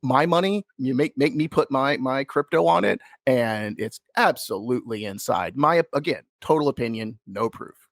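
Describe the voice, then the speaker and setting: A man's voice: mid-range voice, animated, normal speed, fairly bright tone, no room sound, clean studio sound. A man co-hosting a podcast, talking in a rambling, emphatic way with frequent restarts. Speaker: podcast co-host. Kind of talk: casual podcast discussion.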